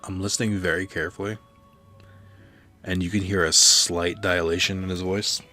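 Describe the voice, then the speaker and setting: A man's voice: sits low, little pitch movement, moderate pace, sharp tone. A man streaming a video game, giving casual, sweary, opinionated commentary with a sardonic edge. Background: game music.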